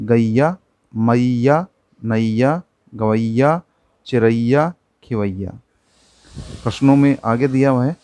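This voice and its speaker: Patient Hindi-lesson teacher, dry sound. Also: male voice, medium pitch, darkish tone, no echo. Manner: patient, explains slowly with examples. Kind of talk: classroom lesson explanation.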